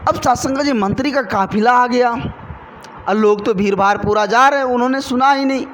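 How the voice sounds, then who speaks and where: High-voiced man preaching a devotional sermon. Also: fairly quick, a bit bright, a little hiss or hum, low-quality recording. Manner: calls the congregation again and again, storytelling. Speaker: spiritual speaker.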